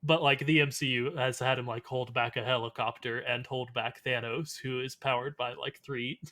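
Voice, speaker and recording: A man's voice: mid-range voice, steady tone, normal speed, sharp tone. A man co-hosting a podcast, bantering in a playful, teasing way in casual chat. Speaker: podcast co-host.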